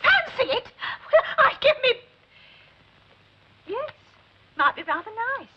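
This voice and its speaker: An actress playing a bossy, excitable middle-aged working-class London friend in a television drama, chatty and insistent. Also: female voice, high-pitched, normal speed. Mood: excited. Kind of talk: 1960s television drama acting. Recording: dull old TV soundtrack, hiss.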